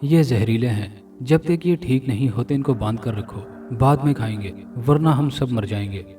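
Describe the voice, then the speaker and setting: A man's voice: medium pitch, normal speed, lightly acted. A man voicing a savage cannibal chief. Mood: commanding. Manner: barking orders. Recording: narration from a distance with loud music.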